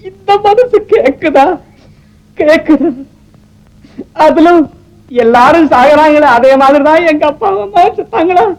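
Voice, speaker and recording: A man's voice: extremely high pitch, expressive, measured pace, long pauses, exaggerated voice, poor audio. An actor playing a grieving young male doctor, in a choked, tearful and theatrical 1950s film melodrama style. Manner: emotional, theatrical storytelling.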